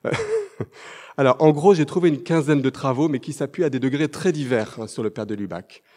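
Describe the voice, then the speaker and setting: A man's voice: mid-range voice, a little mellow. A man with a French accent giving an academic conference lecture, hesitating often with fillers and reading quotations aloud. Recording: long hall reverb.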